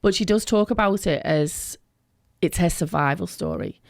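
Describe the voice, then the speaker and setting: A middle-aged woman with a creaky voice, talking earnestly and emphatically as a guest in a radio interview. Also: lowish voice, moderate pace, no room sound, clean studio sound. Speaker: education worker, interview guest.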